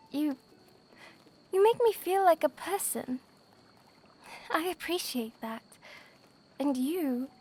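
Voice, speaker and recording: A woman playing a gentle, easily flustered young princess in a soft, polite, formal ASMR roleplay style. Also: high voice. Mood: tender, grateful.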